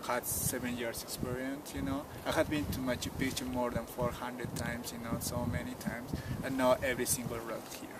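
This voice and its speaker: A tour guide from the Cusco countryside of Peru, whose first language is Quechua, tells a story outdoors at a mountain site in a casual interview. His mid-range voice moves at a moderate pace with hardly any pauses, relaxed, simply phrased and full of "you know." A distant outdoor mic picks up loud ambience, so it's very noisy.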